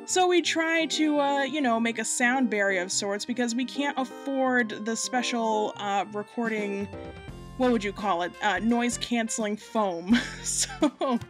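A chatty, self-deprecating woman from Massachusetts, rambling through a casual home voiceover over gameplay while recorded under a blanket. She breathes audibly and laughs often. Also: fairly high pitch. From Massachusetts, United States. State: breathing audibly, getting hot. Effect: muffled, recorded under a blanket. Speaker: gaming YouTuber.

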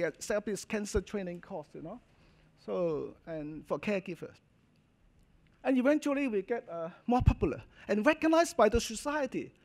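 Speaking from a podium in a hotel function hall, this middle-aged doctor with a Hong Kong Cantonese accent has a gravelly voice that sits high. His informal conference talk is emphatic, broken into short choppy phrases with frequent "okay?" and "you know" check-ins.

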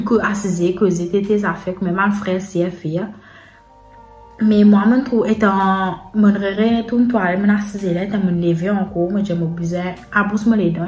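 Halting Mauritian woman in a roomy space. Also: medium pitch, highs cut off. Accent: Mauritian Creole. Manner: halting, repetitive retelling with frequent pauses. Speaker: vlogger telling a personal story. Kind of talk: casual storytime vlog. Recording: roomy echo with faint background music. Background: faint sad music.

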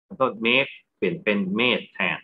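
A man's voice: mid-range voice, a little slow, narrow, tinny audio. A Thai-accented man teaching English grammar in a lecture, going through exam answers and checking understanding with rhetorical questions.

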